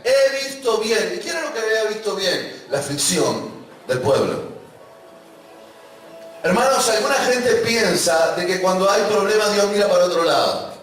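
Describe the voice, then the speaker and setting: High-voiced river plate pastor preaching, big echoey church, mic kinda far. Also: male voice, fairly bright tone. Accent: Rioplatense Spanish. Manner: emphatic preaching with congregation call-and-response. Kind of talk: sermon.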